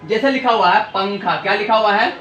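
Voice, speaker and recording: A man's voice: high voice, a little fast, a bit bright, muffled recording. A man teaching a language lesson at a board, asking questions and answering them himself in a call-and-response style. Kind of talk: classroom lesson at a whiteboard. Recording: echoey room with faint hiss.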